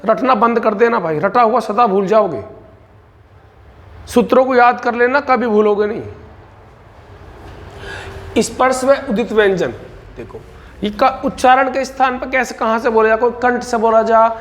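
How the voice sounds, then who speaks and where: A man teaching a Hindi exam-prep lesson, briskly repeating points and calling his students brother. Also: extremely high pitch, fairly bright tone, in a large hall.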